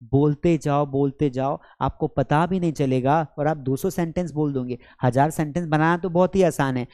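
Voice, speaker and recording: A man's voice: a little high, normal speed, a little mellow. A man teaches spoken English at a board in a classroom. He drills short sentence pairs aloud with energy and calls his students beta and bhai.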